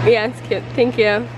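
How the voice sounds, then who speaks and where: Chatty high-voiced young woman vlogger. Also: noisy background. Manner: chatty, says "like" and "you guys" a lot. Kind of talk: casual chat to camera. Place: in her car, driving around town.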